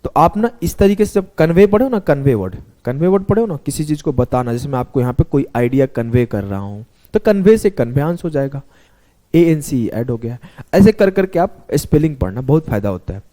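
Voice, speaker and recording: A man's voice: mid-range voice, big pitch swings, fairly quick, dark tone. A male math teacher explaining a lesson step by step, talking students through sums and spelling words out letter by letter.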